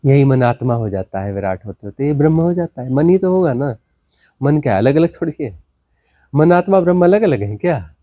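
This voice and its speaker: A man's voice: animated, fairly quick, dry recording, highs cut off. A man, a spiritual teacher, gives a satsang discourse, repeating words and asking rhetorical questions. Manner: repetitive, rhetorical questions, dramatic swings of pitch.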